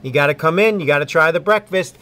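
A man's voice: fairly high pitch, fast talker, bright, forceful tone. A man filming an upbeat, friendly walkthrough of a small cafe's new menu on a handheld camera. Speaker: cafe host filming a menu tour. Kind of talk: casual promotional walkthrough. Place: small cafe indoors.

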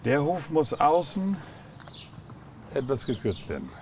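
Man, horse bone-setter, brisk and matter-of-fact, distant from the mic, outdoor noise around. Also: fairly high pitch, very animated, a little mellow. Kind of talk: casual work talk. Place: outdoors at a stable.

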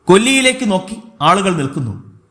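A man narrating a novel as an audiobook, with a high voice that swings widely in pitch. His storytelling is expressive and scripted. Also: fairly quick.

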